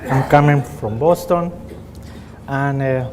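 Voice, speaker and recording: A man's voice: mid-range voice, slow, noisy background. Chilean-accented man lecturing in a hall. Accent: Chilean Spanish. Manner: earnest, with frequent fillers and restarts. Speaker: pathologist presenting research. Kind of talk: conference presentation. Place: conference hall. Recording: reverberant conference hall.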